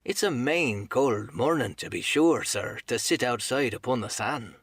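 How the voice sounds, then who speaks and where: A man's voice: mid-range voice, measured pace, fairly bright tone, dry recording, studio quality. A man voicing a sly, cheery, folksy pirate captain in an audiobook, with a colloquial, wheedling manner. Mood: complaining. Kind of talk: audiobook character acting.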